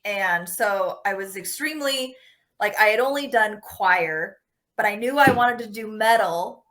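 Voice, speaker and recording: A woman's voice: mid-range voice, unhurried, fairly bright tone. A woman who sings in a metal band, talking as a podcast guest in a casual, giggly, self-deprecating way. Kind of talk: casual chat.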